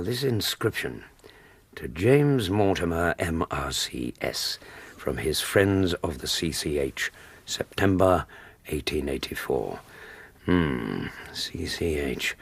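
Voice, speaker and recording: Doctor Watson, deep husky British companion. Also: male voice, sing-song, takes it slowly, no echo, full character voice. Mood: earnest deduction. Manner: reasoning aloud, wry, easily piqued. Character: earnest, slightly huffy doctor, detective's loyal companion. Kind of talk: naturalistic radio drama dialogue.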